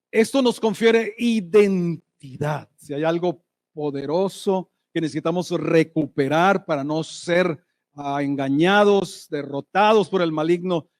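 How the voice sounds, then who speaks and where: A man preaching a sermon as pastor, lively and asking the congregation rhetorical questions. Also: fairly high pitch, dry recording. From Colombia. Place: church hall.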